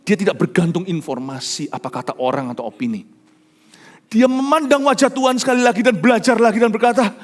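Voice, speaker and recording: A male pastor preaching a sermon with dramatic swings from loud declarations to hushed near-whispers, mixing in English phrases. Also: high voice. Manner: mixes English phrases into his talk, sings worship lines.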